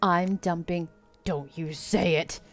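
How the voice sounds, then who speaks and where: An Australian woman voicing a dramatic female ghost from a dating game. She speaks with theatrical emphasis in a low-set voice. Faint music runs behind. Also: fairly even intonation, slow. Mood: scornful.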